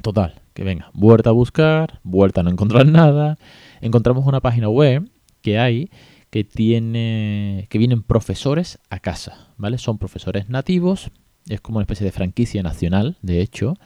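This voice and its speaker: Chatty man, low and mellow. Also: moderate pace, dry recording, studio quality. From Spain. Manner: chatty, lively storyteller with asides. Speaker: podcast host. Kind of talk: casual podcast monologue.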